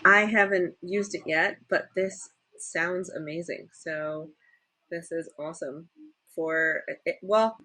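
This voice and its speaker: A woman hosting a casual livestream chat, chatty and quick to laugh. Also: lowish voice, pushed and bright. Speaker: livestream host.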